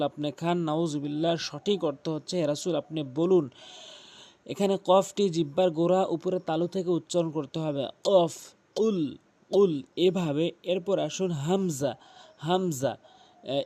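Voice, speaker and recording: A man teaching Arabic letter pronunciation in an earnest, instructive video lesson, repeating each sound slowly with emphasis. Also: on the high side, a little mellow. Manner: earnest, instructive address to viewers. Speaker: Quran recitation teacher.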